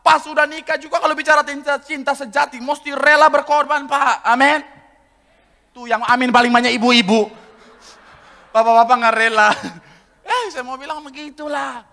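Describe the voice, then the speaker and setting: A man preaching a lively, joking sermon to his congregation, acting out husbands and wives in comic asides. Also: very high voice, normal speed, vocal fry. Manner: joking, acts out couples' voices, addresses congregation as saudara. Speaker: pastor. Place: large church hall, live service. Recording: live church recording with long hall reverb.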